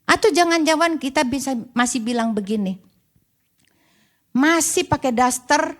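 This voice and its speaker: A woman's voice: high voice, a little slow. An older woman evangelist preaching a sermon, asking the congregation rhetorical questions. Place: church service.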